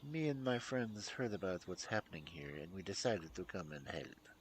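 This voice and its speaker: A man voicing a calm, earnest young activist with a put-on German accent. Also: low voice, moderate pace, slight background noise, lightly acted. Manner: earnest, deadly serious.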